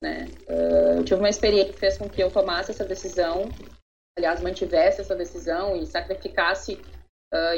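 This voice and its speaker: A Brazilian woman in her thirties, an interviewee telling personal stories in an earnest way and often tagging her sentences with a questioning word. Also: lowish voice. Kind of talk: reflective personal storytelling. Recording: slightly dull audio with faint noise.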